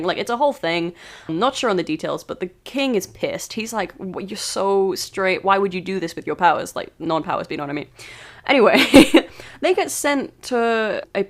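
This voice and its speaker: A woman casually retelling an old myth as a birthday podcast, rambling with giggly asides. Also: mid-range voice. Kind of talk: casual storytelling monologue.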